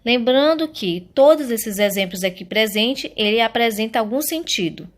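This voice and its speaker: Slow, careful Brazilian woman teacher. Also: a little high, expressive. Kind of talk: recorded grammar lesson.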